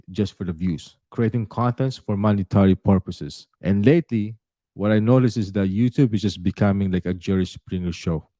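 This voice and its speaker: A man's voice: deep voice, warm tone, no room sound. A middle-aged man born in the Philippines, a realtor speaking earnestly and directly to his viewers, with frequent "uh" fillers. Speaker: realtor and YouTuber. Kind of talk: talking to camera.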